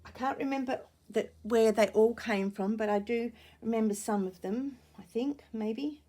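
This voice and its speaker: A woman with a slightly croaky voice, talking softly and rambling in a casual show-and-tell vlog from a small room at home, often dropping to near-whispers. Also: fairly high pitch, normal speed. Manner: soft-spoken, rambling, drifts into near-whispers. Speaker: vlogger showing vintage finds. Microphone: camera or tablet on a desk.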